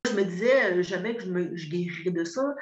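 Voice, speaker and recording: A Québécois woman in her fifties, a program client, gives a candid, earnest testimonial about her own experience, hesitating, restarting, and using many fillers. Her voice is lowish, and the recording is roomy, echoey, and dull, with a little hiss or hum.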